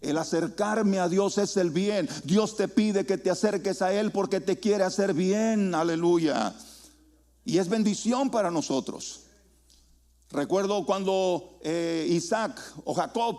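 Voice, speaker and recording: A man with a notably high-pitched voice preaches to his congregation. He builds to rising calls and then slows right down, stretching single words out for emphasis. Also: a little mellow. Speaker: pastor. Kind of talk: sermon. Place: church sanctuary.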